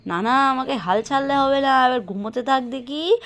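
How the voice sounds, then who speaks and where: A woman voicing a mischievous young woman in a doll cartoon story, teasing and lively. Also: high voice, normal speed. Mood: impatient.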